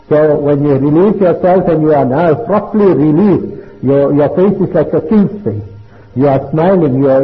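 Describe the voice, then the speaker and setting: A man delivers an earnest sermon, his voice sitting a little high. The sound is thin and phone-like, and a long hall reverb trails behind each phrase. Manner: earnest preaching mixing English with Urdu and Arabic terms. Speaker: Islamic preacher. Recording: echoey hall on a tinny line.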